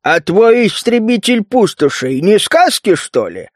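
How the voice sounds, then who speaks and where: A man voicing a crooked, lopsided male mutant who mumbles slowly in rough slang. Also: high voice, sing-song, no room sound, studio quality, voice pushed up, exaggerated voice. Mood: squinting retort.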